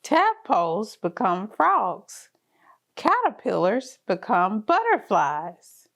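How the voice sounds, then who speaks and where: A woman with a medium-pitched voice that's creaky and a bit bright reads a picture book to very young children. Her pitch swings hugely as she takes it slowly, using a sing-song, encouraging tone for toddlers.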